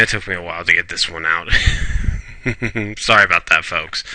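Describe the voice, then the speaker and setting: A man's voice: low-pitched, pushed and bright, no room sound. A man casually reviewing a manga chapter, rambling along with fillers and restarts.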